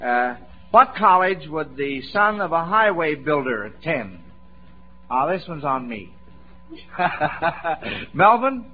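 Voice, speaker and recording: An American man hosts a 1940s radio quiz show, sounding folksy and encouraging and chuckling as he talks. His voice is a little high with big swings in pitch, and he takes his time. It's a dull vintage radio broadcast recording.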